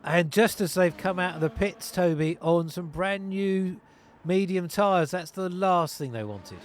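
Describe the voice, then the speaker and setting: A man calling an online sim racing league race, narrating positions, tyres and penalties in steady play-by-play over a headset. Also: high-pitched, measured pace. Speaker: lead commentator.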